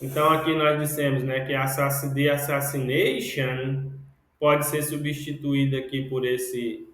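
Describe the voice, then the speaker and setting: A man teaching an English class, speaking slowly and repeating words one by one to model their pronunciation. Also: mid-range voice, little pitch movement, a bit bright, very echoey, rough recording.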